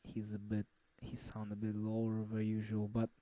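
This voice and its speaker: A man giving a casual album review, halting and full of fillers and restarts. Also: fairly low pitch, monotone, warm tone, dry recording. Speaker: music reviewer.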